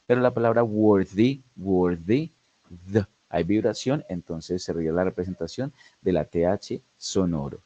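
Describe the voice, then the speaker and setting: Deep-voiced man tutoring pronunciation. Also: unhurried, dark tone, no echo. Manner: guiding learners with frequent check-ins. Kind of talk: online lesson narration.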